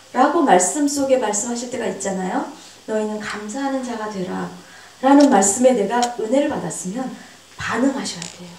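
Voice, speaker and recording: A woman, a pastor's wife, preaching a sermon at a church seminar with earnest emphasis, acting out quoted voices with sudden high pitch jumps. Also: darkish tone, slight background noise. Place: church hall. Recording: echoey church hall, voice from far off.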